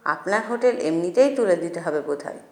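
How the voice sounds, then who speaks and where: A woman's voice: lowish voice, animated, brisk, darkish tone, roomy sound, voice pushed down. Woman voicing a cheeky teasing teenage boy. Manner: teasing, cocky.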